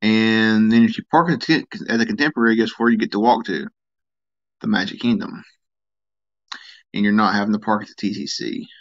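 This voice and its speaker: A man's voice: lowish voice, brisk, long pauses, dull audio. Tired man live-streaming. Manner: rambling, relaxed, reads and answers chat comments. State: tired, yawning. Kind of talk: casual live stream chat with viewers.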